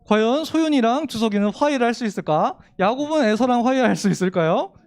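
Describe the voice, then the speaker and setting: A woman teaching a children's sermon in a church, animated, asking the children questions and acting out worried voices. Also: fairly high pitch, fast. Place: church room with children present.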